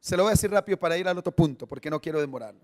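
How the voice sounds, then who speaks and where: A man's voice: a little high, animated, rapid-fire, a little mellow. A man preaching a sermon as a pastor, emphatic and putting questions to his congregation. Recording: echoey church hall.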